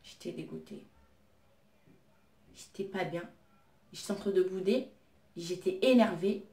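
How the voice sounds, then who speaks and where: A woman chatting casually as she tells a story about her own life, retelling what she said with an indignant, lively edge. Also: fairly low pitch, a little slow. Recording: roomy echo.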